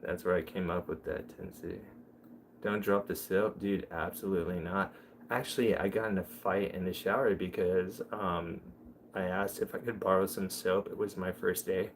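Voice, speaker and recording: A young man on a livestream chats loosely, spinning rambling, joking stories in a low voice with fairly even intonation and a moderate pace. There's a little hiss or hum on the recording.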